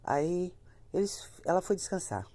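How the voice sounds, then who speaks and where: A woman's voice: on the low side, big pitch swings, a little slow, warm tone, no echo. A woman with a slight cold, telling a horror story in a chatty, repetitive way and talking straight to her listeners. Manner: chatty, repeats herself, talks to listeners directly. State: has a cold, slightly congested. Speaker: storyteller of ghost stories. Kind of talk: casual spoken horror storytelling.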